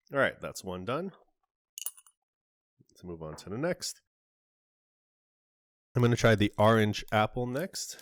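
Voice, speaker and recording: Low-voiced man reviewing candy on camera. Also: no echo. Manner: chatty, describes flavors in detail with small asides. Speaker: candy reviewer, channel host. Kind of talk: casual on-camera taste review.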